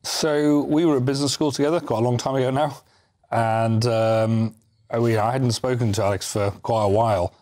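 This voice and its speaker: A British man volunteering for a charity tells a story as an interview guest, chatty and anecdotal, with restarts and asides. His mid-range voice is steady and a bit dark, at a normal speed.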